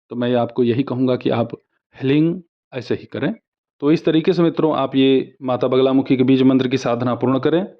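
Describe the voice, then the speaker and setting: A man teaching a devotional practice, reciting Sanskrit mantras slowly and evenly between plain Hindi explanations. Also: medium pitch, lo-fi sound. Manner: slow measured chanting of Sanskrit verses. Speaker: spiritual teacher.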